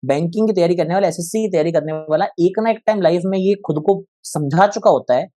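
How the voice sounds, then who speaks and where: A man's voice: high-pitched, quick pace, dark tone, no echo, clean studio sound. A man speaking as an educator guest in a conversational interview, candid and opinionated, explaining at length. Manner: candid, opinionated, talks in long explanatory runs.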